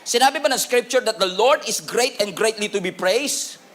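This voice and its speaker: A man with a Filipino accent preaching a sermon in a church, animated and humorous, calling on the congregation to respond. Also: high voice, normal speed. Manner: animated, humorous preaching with Taglish code-switching. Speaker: pastor.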